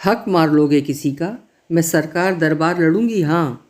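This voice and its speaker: A man's voice: a little high, unhurried, lightly acted. A man voicing a defiant village woman who fiercely challenges her in-laws, in a read-aloud story.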